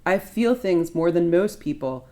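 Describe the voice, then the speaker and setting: Woman reading a moany self-pitying dad on the phone, lowish voice. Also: expressive, a little slow, dark tone. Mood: plaintive. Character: anxious self-pitying older father on phone.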